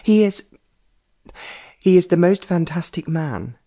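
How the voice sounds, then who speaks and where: A man's voice: high-pitched, lively intonation, unhurried, warm tone, voice pushed up, full character voice. A man voicing a pretty young society woman who is dreamy and lovestruck, talking in a gushing, sighing way.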